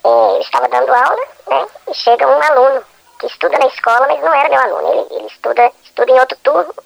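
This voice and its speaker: Fast-talking woman with a distorted voice. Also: high-pitched, creaky, faint music behind. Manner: fast, plain recounting of an attack. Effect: voice distorted to hide identity. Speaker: schoolteacher. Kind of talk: anonymous testimony in a news report.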